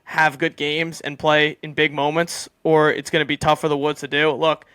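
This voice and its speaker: Smooth-voiced male sports analyst. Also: on the high side, normal speed, dry recording, clean studio sound. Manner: steady analytical. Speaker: podcast co-host.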